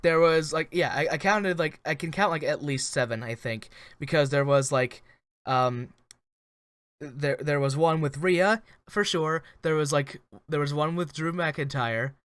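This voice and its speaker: A man co-hosting a casual wrestling recap podcast, joking sarcastically and laughing easily between halting restarts. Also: fairly high pitch, fairly bright tone, clear, resonant tone, no room sound. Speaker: podcast co-host.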